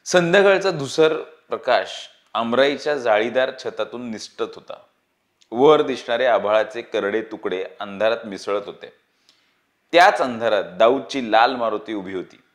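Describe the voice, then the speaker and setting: A man reading a novel aloud in a steady, expressive storytelling manner. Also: mid-range voice, measured pace. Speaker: book reader.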